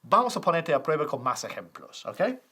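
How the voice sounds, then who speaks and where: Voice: medium pitch, big pitch swings, moderate pace, bright, forceful tone, slightly rough. A teacher giving a bilingual English lesson, patiently modeling pronunciation and repeating short drills.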